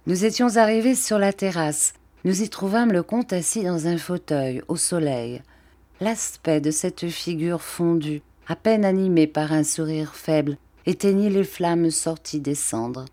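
A woman narrating a classic novel in a measured, earnest audiobook reading. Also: on the low side, mellow, no echo.

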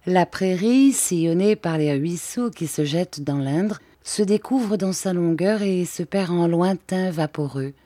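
A woman reads a classic novel aloud as scripted narration, steady and measured. Her voice is low and dark, and the recording is close and dry with no room sound. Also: no room sound. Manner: measured, literary reading. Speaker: audiobook narrator.

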